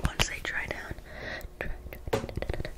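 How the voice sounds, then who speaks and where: A woman in her twenties doing a whispered role-play as a makeup artist in fast, aggressive ASMR style, repeating words close to the mic. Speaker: ASMR creator. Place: small bedroom, indoors. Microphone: close studio mic with fluffy windscreen.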